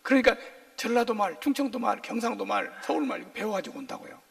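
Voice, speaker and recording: Male pastor, very high and rough-edged voice, swooping delivery, playful preacher who quizzes his flock, heard from a distant church mic. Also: quick pace. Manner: lively, quizzes the congregation with call-and-response questions; jokey, playful asides. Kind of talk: sermon.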